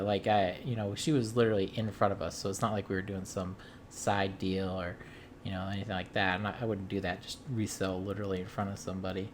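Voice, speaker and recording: Low-voiced rambling man telling a story. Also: slight background noise. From US Midwest. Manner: rambling, many ums and uhs and restarts; amused storytelling. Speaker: video game collector vlogger. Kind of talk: casual chat.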